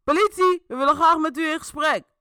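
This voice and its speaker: A woman voicing a loud, insistent male police officer who shouts orders in a commanding tone. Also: extremely high pitch, a little fast, no echo, studio quality, voice pushed up, heavily acted.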